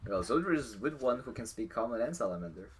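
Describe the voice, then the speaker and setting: A male game master narrates a tabletop session with a widely swinging, animated pitch. He improvises as he goes, pausing and feeling his way through descriptions. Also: a crowd in the background.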